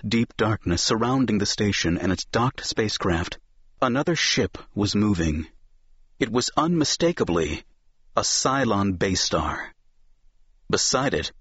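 A man narrating a science fiction novel as an audiobook, in a measured, dramatic storytelling manner. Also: on the low side, husky, no room sound. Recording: slightly dull, dry studio recording.

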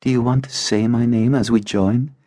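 A man's voice: mid-range voice, steady tone, normal speed, mellow, dry recording, voice pushed up, close to an everyday voice. A man voicing a seductive, cold female vampire demon who speaks in a silky, taunting way. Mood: purring.

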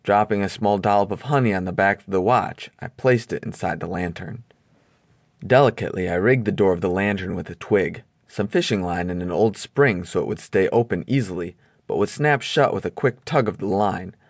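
A man reading an audiobook aloud in measured first-person storytelling narration. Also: deep voice, no echo. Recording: dry close studio recording.

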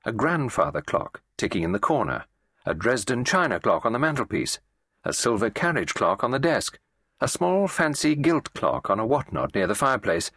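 A man reading a classic mystery as an audiobook narrator, measured and expressive. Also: medium pitch, breathy edge, no room sound, studio quality.

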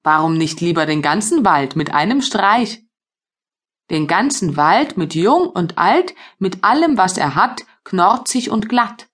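A woman's voice: fairly low pitch, big pitch swings, unhurried, a bit bright, heavily acted. A woman voicing a cheeky, boastful little male tailor in an audiobook fairy tale. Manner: brash and boastful.

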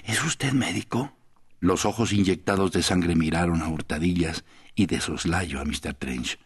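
A man with a very deep, husky voice reads a literary novel aloud. His narration is measured and calm, carried by a low, grainy tone. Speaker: audiobook narrator.

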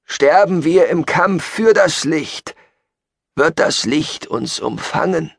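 A man voicing a fanatical male cult leader who preaches martyrdom slowly and solemnly. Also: on the high side, animated, gravelly, dry recording, studio quality, voice pushed up, exaggerated voice. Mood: gentle, serene.

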